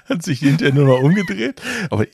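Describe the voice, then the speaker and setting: A man with a daughter, chatting casually and acting out the people he quotes in an animated story. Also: a little high, fast talker, vocal fry, a little hiss or hum. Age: adult, has a daughter. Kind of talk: casual chat.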